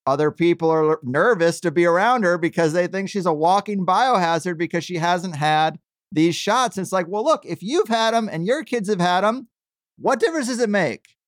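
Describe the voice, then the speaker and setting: A man's voice: high-pitched, moderate pace, dry recording, studio quality. A man hosting a podcast interview, chatting casually and sharing personal anecdotes. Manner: conversational, agreeing, personal anecdotes. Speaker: podcast host.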